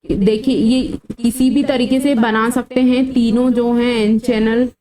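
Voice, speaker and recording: Female online tutor, somewhat high voice, patient explainer who drills formulas. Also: fairly even intonation, a little slow, dark tone, low-quality recording. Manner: explanatory, drills formulas to memorize, mixes English terms; scolding students about comments. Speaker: exam-prep engineering teacher. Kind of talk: online lecture.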